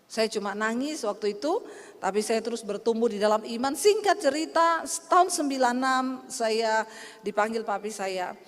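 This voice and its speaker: A woman's voice: on the high side, animated, normal speed, long reverb tail. A woman pastor from Indonesia giving a sermon with her personal testimony, emphatic and calling out to the congregation.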